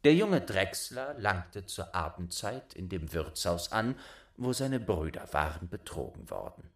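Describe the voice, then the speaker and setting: A man reading a fairy tale aloud in a slow, expressive and deliberate storyteller manner. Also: deep voice.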